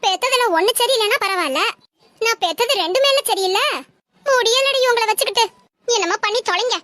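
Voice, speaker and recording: A woman's voice: very high voice, fairly quick, sharp tone, dry recording. A woman acting a worn-out mother who scolds and complains at length, in a comedy sketch. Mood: scolding. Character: exasperated mother, loud and scolding.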